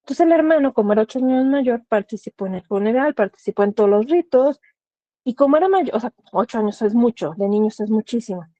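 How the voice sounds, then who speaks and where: Earnest woman, high and mellow. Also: lively intonation, fast talker, no room sound, muffled recording. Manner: earnest, advising directly, frequent rhetorical questions. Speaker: thanatologist. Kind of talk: explanatory talk.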